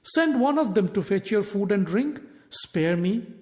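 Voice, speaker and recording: Guy doing a wronged young queen in a storybook, higher voice, slow and urgent. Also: expressive, darkish tone. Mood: pleading. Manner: pleading then indignant, raised pitch. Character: proud, wronged young queen disguised as a maid.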